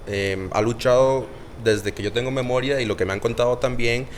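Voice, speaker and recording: A man's voice: mid-range voice, moderate pace, a little hiss or hum. A Costa Rican man, a doctor and podcast guest, talking casually with many fillers. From Costa Rica. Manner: hesitant, many fillers and tag questions. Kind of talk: casual interview chat.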